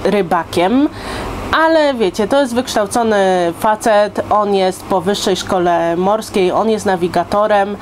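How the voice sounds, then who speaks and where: A woman's voice: mid-range voice, measured pace, a little hiss or hum. A woman in her thirties giving a casual, chatty book review to camera in a living room, often checking in with her listeners. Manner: conversational, addresses listeners with frequent rhetorical check-in questions. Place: indoors, living room on a sofa.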